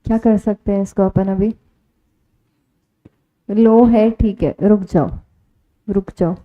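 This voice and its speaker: A woman's voice: medium pitch, steady tone, takes it slowly, phone-quality sound. A woman teacher with an Indian accent giving a live online lecture, chatting and quizzing her students as she goes. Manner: chatty Hindi-English mix, quizzing students.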